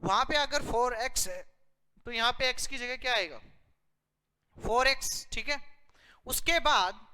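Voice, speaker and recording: A woman teaches a math lesson step by step in a slightly high voice. She explains slowly, asking herself questions and answering them. The sound rings with long reverb. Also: pushed and bright. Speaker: physics teacher.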